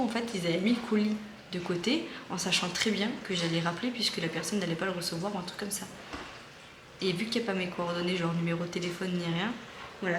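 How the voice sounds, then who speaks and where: A woman in her thirties chats into her phone camera at home in a loose, rambling way, full of fillers and restarts. The room sounds echoey, with steady background noise under her voice. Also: on the low side. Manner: chatty storytelling with many fillers. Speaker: vlogger. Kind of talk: casual vlog chat. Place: family home.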